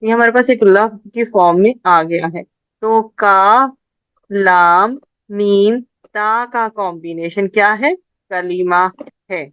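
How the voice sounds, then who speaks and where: A woman teaching an online class, patiently repeating each point slowly for her students. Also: mid-range voice, fairly bright tone, clear, resonant tone, dry recording, dull audio.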